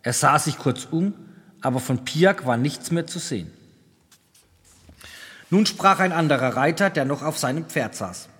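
A man reading a story aloud as the narrator, in slow, even storytelling. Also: fairly high pitch, big-room sound. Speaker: audiobook narrator. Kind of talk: scripted narration.

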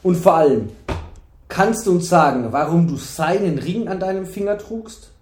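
A man's voice: sits high, animated, moderate pace, darkish tone, echoey room, slight background noise, pitched above the performer's own voice. A man reading the part of a young knight who presses hard with indignant questions in an audiobook. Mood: pressing.

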